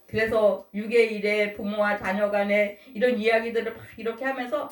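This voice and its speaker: A woman's voice: medium pitch, little pitch movement, moderate pace. An older woman pastor giving a conversational sermon, often putting questions to the congregation. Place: church. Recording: echoey room from far off.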